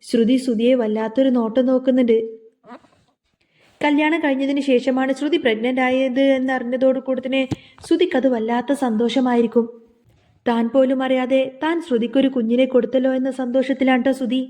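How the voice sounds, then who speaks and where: A woman retelling a TV serial episode in steady storytelling, voicing the characters' lines in her own voice. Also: high voice, fairly quick, in a large hall. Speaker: serial recap narrator.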